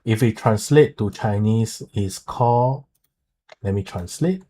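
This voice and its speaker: A man giving casual live game commentary in a halting, explanatory way, often checking himself with okay and so. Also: on the low side, warm tone, slight background noise. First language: not Mandarin; speaks it haltingly. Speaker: streamer and video creator explaining a game.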